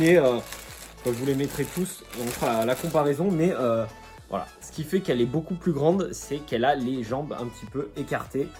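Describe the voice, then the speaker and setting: A man's voice: fairly high pitch, a little mellow. A man chatting casually through an unboxing vlog, slangy and joking, with faint music under his voice. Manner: chatty, slangy, jokey asides. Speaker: YouTuber unboxing figurines.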